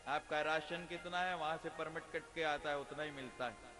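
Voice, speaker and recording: A man's voice: a little high, moderate pace. A man preaching a devotional discourse who mixes humorous stories and jokes with questions put to the audience. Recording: long hall reverb, faint music.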